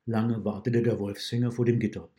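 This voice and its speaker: Storyteller: man, low mellow voice, calm measured read-aloud narration.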